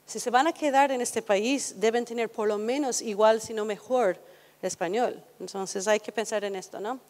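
A high-pitched woman lectures in a relaxed, conversational way and keeps turning questions back to her audience. Her voice carries a long reverb, as if recorded in a large hall. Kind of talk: educational talk to an audience.

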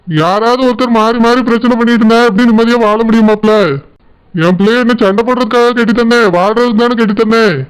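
A man plays a protective cartoon father with a strikingly high, smooth voice. He talks fast and firmly, scolding one moment and consoling the next. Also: rough recording. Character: protective middle-aged father, firm and worried. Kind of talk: cartoon voice acting.

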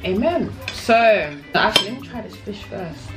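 A woman's voice: medium pitch, animated, moderate pace, over music. A young woman with a London accent chatting casually in a vlog, slangy and swearing freely. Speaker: vlogger. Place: home kitchen.

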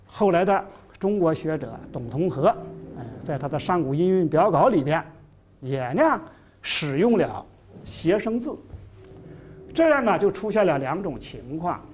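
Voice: medium pitch, big pitch swings, unhurried, darkish tone, a little hiss or hum. A middle-aged lecturer giving a classroom lecture, full of fillers, who repeats key phrases and stretches out terms for emphasis. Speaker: university lecturer.

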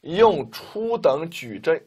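A man with a fairly high voice teaches a linear algebra lesson. He talks students through each step and keeps asking them rhetorical questions. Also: big pitch swings, takes it slowly, a little mellow, slightly rough. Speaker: math teacher. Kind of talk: chalkboard-style linear algebra lecture.

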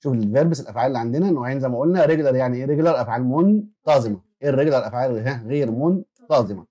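A man's voice: mid-range voice, animated, dark tone, muffled recording. A man with an Egyptian Arabic accent teaching an English lesson to children, who repeats words for them to echo and quizzes them as he goes. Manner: quick, repeats words for pupils to echo and asks them questions. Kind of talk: classroom lesson explanation.

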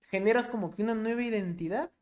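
Fast-talking and high-voiced, this young Mexican Spanish–accented podcast co-host is chatting casually, spinning a lively story packed with swear words.

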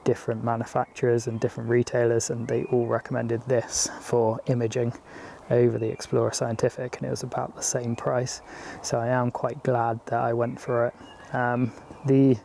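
Relaxed British man, gravelly and flat. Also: medium pitch, slight background noise. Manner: relaxed, hesitant with frequent ums. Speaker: astrophotography YouTuber. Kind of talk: casual vlog talk to camera. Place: outdoors in his garden.

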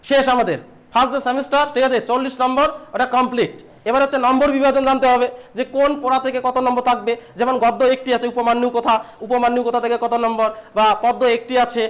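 A man's voice: very high-pitched, a bit bright. A young man from West Bengal teaching an online lesson to students. He asks questions and answers them himself, again and again. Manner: asks and answers his own questions, repeats "thik ache". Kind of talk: online exam-prep lesson.

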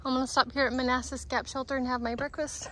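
A woman hiker talking casually to her phone camera as she walks a forest trail, thinking aloud in a relaxed way. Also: high voice, fast talker, slight background noise, low-quality recording. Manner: relaxed, chatty, thinking aloud while walking. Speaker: long-distance hiker vlogging. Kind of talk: casual spoken trail diary.

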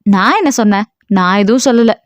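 A woman's voice: mid-range voice, a little fast, no room sound, clean studio sound, natural voice. A woman voicing a suspicious older sister who talks in an offhand, dismissive way. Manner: careless, offhand.

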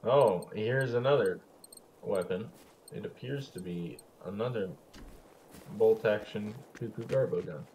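A man's voice: fairly low pitch, unhurried, a little mellow, low-quality recording. A young man co-playing a game, making dry quips and laughing along. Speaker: co-player. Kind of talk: casual gameplay chat. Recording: faint background noise.

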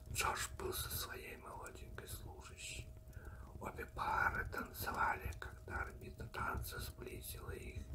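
Casting: ASMR audiobook reader, soothing gentle whisper throughout, breathy and unvoiced, recorded a little away from the mic. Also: recorded from a distance, poor audio. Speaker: audiobook reader and channel host. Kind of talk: soft whispered ASMR storytelling, reading a story aloud.

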